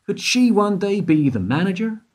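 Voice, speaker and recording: This actor's voice sits high and is very animated, delivered at a normal speed. He's doing amateur radio play acting as a probing male investigator who persistently needles a guard, his witness, with questions.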